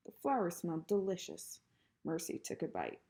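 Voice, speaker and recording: A woman reading a children's book aloud in a calm, even storytelling manner. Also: fairly low pitch, moderate pace. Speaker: reader.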